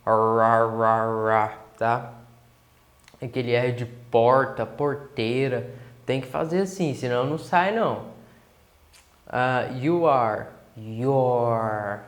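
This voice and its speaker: A man from the São Paulo interior with its accent, teaching a beginner English lesson and patiently repeating each word. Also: mid-range voice. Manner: patient, drills words slowly and repeats them. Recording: echoey room.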